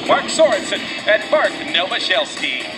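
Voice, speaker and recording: High-pitched male airshow announcer over loud music. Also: very animated. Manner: dramatic showman delivery, drawn-out phrase endings. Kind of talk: scripted airshow commentary. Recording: loud music, distant outdoor PA sound.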